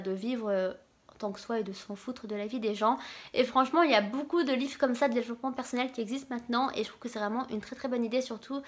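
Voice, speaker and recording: A young woman vlogging casually about gift ideas, chatty, with many fillers and restarts. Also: fairly high pitch. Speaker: YouTuber.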